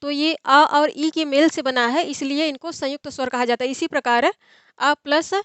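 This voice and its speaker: A woman's voice: high-pitched, fairly even intonation, normal speed, a bit bright, no echo. A young woman tutoring for an exam in an online lecture, explaining step by step and answering her own questions. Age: young adult.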